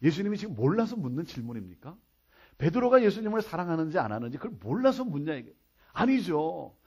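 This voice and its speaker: A middle-aged man preaching a revival sermon as pastor in a church, repeating key phrases and dropping to soft asides. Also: a little high, very animated, fast talker, slightly rough, dull audio. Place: church sanctuary.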